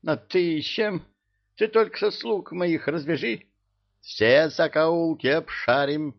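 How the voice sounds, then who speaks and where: A man's voice: a little high, expressive, a little slow, highs cut off, voice pushed up. A man voicing a fussy, plump old male genie king who whines and frets in an audiobook. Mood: flustered. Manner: whiny, flustered, plaintive.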